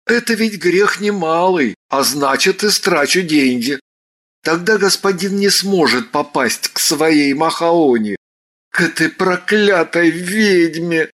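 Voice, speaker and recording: A woman doing a grumbling ascetic man, glum, slow talker, bright tone, storybook reading. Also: on the low side. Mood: gloomy. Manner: grumbling inner monologue. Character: ascetic young man turned reluctant sinner, glum.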